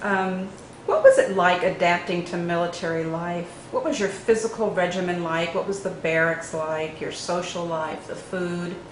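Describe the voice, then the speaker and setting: A woman's voice: on the low side, normal speed. A woman conducting an oral history interview, asking questions in a casual way. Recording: echoey room, faint background noise.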